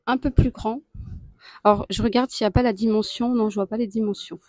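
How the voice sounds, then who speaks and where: A woman, a deal-hunting vlogger, walks through a store aisle and lists prices and sizes. She speaks in a chatty way and pauses often. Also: fairly high pitch, steady tone, darkish tone, no echo. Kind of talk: casual store walkthrough. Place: home improvement store aisle.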